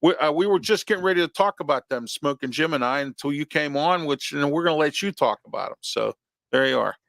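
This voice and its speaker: Host, man in his fifties, gravelly voice, dry close sound, loose rambling delivery. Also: a little high, fast, fairly bright tone, no room sound. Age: 50s. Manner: rambling, many "uh" fillers. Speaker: sports talk show host. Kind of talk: casual sports talk.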